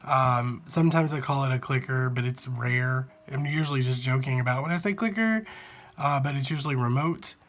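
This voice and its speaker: A man from the American South with a Southern accent, chatting casually and unscripted into a handheld phone, rambling a little and sounding out words deliberately. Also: mid-range voice, a bit bright. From Southern United States. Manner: repeats single words slowly to demonstrate pronunciation, rambling. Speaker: vlogger answering an accent challenge. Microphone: handheld phone at arm's length.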